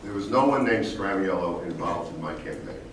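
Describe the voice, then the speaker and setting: A man's voice: deep voice, lively intonation, moderate pace. A man serving as town supervisor, answering a resident at a public meeting in a defensive, lawyerly way and repeating his denials. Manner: defensive, lawyerly, repeats himself while rebutting. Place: large echoey public meeting hall. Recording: echoey hall, distant mic, audible room noise.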